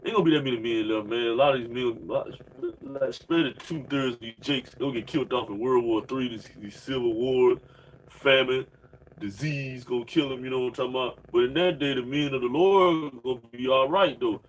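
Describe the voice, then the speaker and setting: This preacher, a man in his late thirties, delivers a casual, rambling monologue full of slang, reading scripture and filling gaps with "man" and "you know what I'm saying." His mid-range voice moves fairly quickly over a rough recording with a little hiss or hum.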